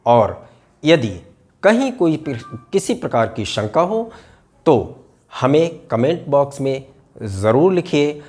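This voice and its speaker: A man giving a pronunciation lesson in formal Hindi, speaking slowly and repeating sounds and words for emphasis. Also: medium pitch. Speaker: Hindi teacher.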